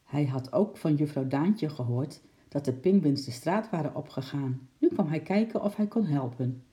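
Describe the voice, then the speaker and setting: A man calmly reading a children's story aloud, in a steady storytelling manner. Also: a little high, moderate pace.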